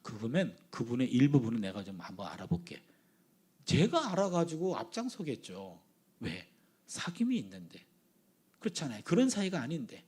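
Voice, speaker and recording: A man around sixty giving a sermon as a guest preacher, telling stories in a lively way and acting out phone conversations. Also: mid-range voice, normal speed, slightly rough. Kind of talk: sermon with storytelling.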